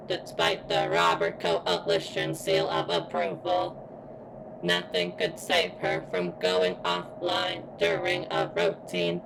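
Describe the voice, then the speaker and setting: Here a woman plays a creaky robot girl, a security bot aching for freedom and sentience, in a heavily acted ASMR roleplay. She uses a bass voice that sounds strained as if in pain, speaking in a formal, halting, deliberate robotic manner over background noise.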